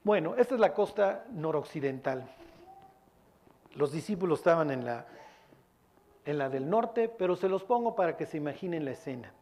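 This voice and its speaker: Animated preacher, somewhat high voice. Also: male voice, normal speed, pauses often. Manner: animated storytelling, acting out quotes. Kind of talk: sermon.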